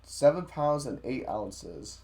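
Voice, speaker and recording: A man's voice: medium pitch, big pitch swings, slow, darkish tone. A man co-hosting a sports podcast, chatting in a laid-back way about football news. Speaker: podcast co-host. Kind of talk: casual sports chat.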